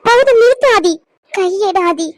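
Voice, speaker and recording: Woman doing a cartoon young wife, very high voice, dead dry sound, hurt and fed up. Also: fairly even intonation, quick pace, dry recording. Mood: angry. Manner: pleading then bitterly reproachful. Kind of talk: cartoon drama dubbing.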